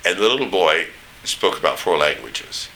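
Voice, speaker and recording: A man's voice: low-pitched, very animated, normal speed, gravelly, bright, forceful tone, a little hiss or hum, poor audio. An elderly man with a standard American accent reminiscing in a rambling, anecdotal way, searching for names as he goes. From East Tennessee, United States. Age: older, 70s or above. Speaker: interviewee recounting memories. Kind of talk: oral history reminiscence.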